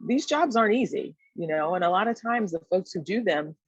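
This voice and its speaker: A woman's voice: medium pitch, animated, a little fast, breathy edge, no room sound, dull audio. A woman guest in a podcast conversation, speaking thoughtfully and often checking in with a tag question.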